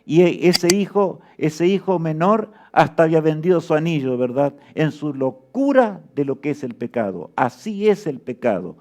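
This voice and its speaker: A man's voice: on the high side, expressive, normal speed, few pauses, darkish tone. A man preaching a sermon with fervor, often asking his listeners rhetorical questions.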